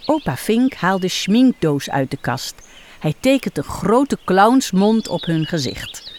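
A woman reading a children's story aloud in an expressive way. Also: medium pitch, slow.

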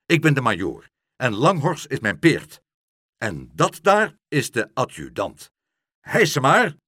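Brief: male narrator playing a hurried, bossy major in a storybook, swinging pitch. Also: huge pitch swings, pushed and bright, breathy edge, no room sound, studio quality, full character voice. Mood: commanding. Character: brisk fatherly army major. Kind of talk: storybook reading.

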